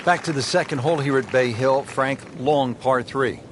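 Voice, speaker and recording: A man doing play-by-play commentary on a golf broadcast, with a smooth, measured announcer delivery. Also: mid-range voice, noisy background. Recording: game broadcast with music behind.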